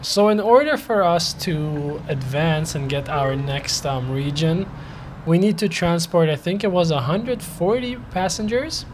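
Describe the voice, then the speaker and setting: A man giving casual gameplay commentary, excitable and chatty with the characters in his game. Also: a little high, slight background noise. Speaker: gaming YouTuber.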